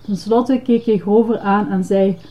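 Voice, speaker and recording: A woman's voice: medium pitch, steady tone, unhurried, mellow, low-quality recording. Woman reading a children's story. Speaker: narrator.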